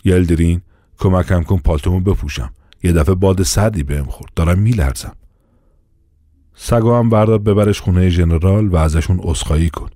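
A man's voice: sits low, mellow, no echo, clean studio sound, close to an everyday voice. A man voicing a pompous, bullying police inspector in an audiobook, blustering and commanding. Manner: blustering, commanding, quick to turn. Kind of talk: audiobook character voice.

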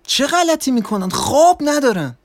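Male narrator doing excitable storybook dad; lively swings, chuckles, conspiratorial whispers, dry close read. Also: high-pitched, no echo, pitched above the performer's own voice. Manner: chuckling, whispering, mock-serious. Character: excitable middle-aged male plumber, cheerful father.

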